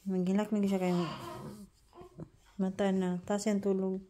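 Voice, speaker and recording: A woman chatting casually and in a relaxed way at home. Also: mid-range voice, unhurried. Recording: clear background noise.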